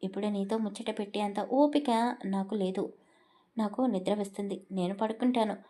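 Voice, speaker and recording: A woman's voice: mid-range voice, a little fast, warm tone, lightly acted. A woman voicing a young male hero, teasing and lazy, in an audio story.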